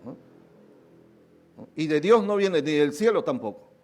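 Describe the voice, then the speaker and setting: A man delivers a sermon in a voice pitched higher than most men's. He peppers his preaching with rhetorical questions and little tag questions, and he slips into other people's voices to make his point. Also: big pitch swings, a little slow, darkish tone. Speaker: pastor.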